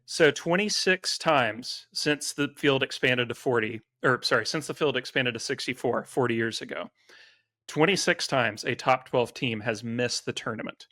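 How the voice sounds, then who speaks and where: A man's voice: medium pitch, no room sound, clean studio sound. A man co-hosting a sports podcast, chatting casually and rattling off stats with frequent fillers. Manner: animated, quick stats-driven talk with fillers. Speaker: co-host.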